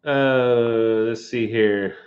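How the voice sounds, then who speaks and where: A man's voice: medium pitch, steady tone, drawn-out words, muffled recording. A middle-aged man from Kentucky with a Kentucky accent, hosting a casual live stream and rambling easily through viewer comments. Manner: rambling, chuckling, answers chat comments.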